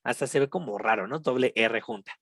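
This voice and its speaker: A teacher with a Mexican accent, patiently explaining English grammar in a recorded lesson, slowing down for each English example and checking in with the students. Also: mid-range voice, a bit bright, slightly rough, dry recording, clean studio sound. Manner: switches between Spanish and slow English examples.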